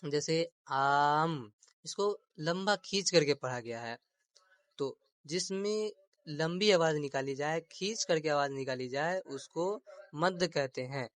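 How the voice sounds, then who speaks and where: A man gives a grammar lesson in a slightly higher-than-usual voice, recorded close with no room sound. He stretches key terms, repeats them, and keeps asking his listeners whether they follow. English words turn up now and then in his explanations. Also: dry recording. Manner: repeats terms slowly, asks rhetorical questions; mixes English words into teaching. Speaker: Urdu grammar teacher.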